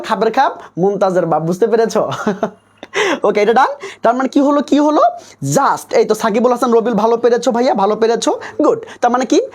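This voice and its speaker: Fast, husky tutor. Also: male voice, very high-pitched. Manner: coaxing, keeps repeating and quizzing students. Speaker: English tutor for nursing exams. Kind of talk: live online class.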